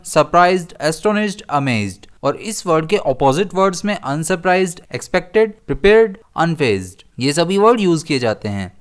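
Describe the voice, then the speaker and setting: A man teaching an exam-prep vocabulary lesson, listing words steadily and slowing down to read definitions. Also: fairly high pitch, smooth.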